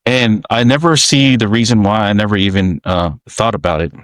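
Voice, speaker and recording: A man from American Samoa hosting a podcast, telling stories in a relaxed, reminiscing way with halting restarts. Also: lowish voice, no echo. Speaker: podcast host. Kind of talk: casual podcast storytelling.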